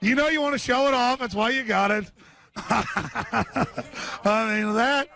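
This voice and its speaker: A high, gravelly, bright-toned man hosting a live broadcast outdoors at a street rally. He rambles from point to point, restarting sentences constantly. He mixes biting sarcasm with giddy asides, sounding short on sleep. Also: brisk. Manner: sarcastic, scattered, lots of restarts. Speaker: live-stream host.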